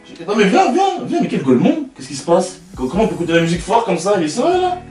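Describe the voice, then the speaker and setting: A shrill, scandalized neighbor man, as a young man puts him on, squeaking high above his own voice in indignant bursts. The sound is roomy and a little away from the mic, with faint music behind. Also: huge pitch swings, fast, darkish tone, distant mic. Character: outraged nosy male neighbor complaining to his wife.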